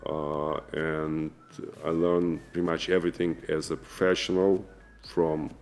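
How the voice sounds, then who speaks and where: A man in his forties with a Russian accent, telling his own story to camera in an earnest, halting way with many fillers and restarts. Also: rumbling low, little pitch movement, a little mellow. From former Soviet Union. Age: 40s. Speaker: vlogger and businessman. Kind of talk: casual personal storytelling to camera.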